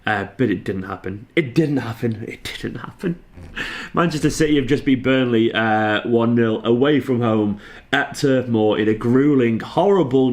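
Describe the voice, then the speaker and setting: A hungover, exhausted man giving a casual, weary football reaction as a fan channel host. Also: mid-range voice. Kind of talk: casual post-match reaction monologue.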